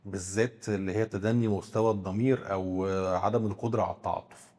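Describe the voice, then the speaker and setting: An Egyptian man with a lowish, husky voice asks questions and rephrases ideas, pausing on fillers. He talks quickly. A long reverb hangs around him. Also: steady tone, a little mellow. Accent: Egyptian Arabic. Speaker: psychiatrist co-host. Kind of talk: discussion, asking questions and rephrasing.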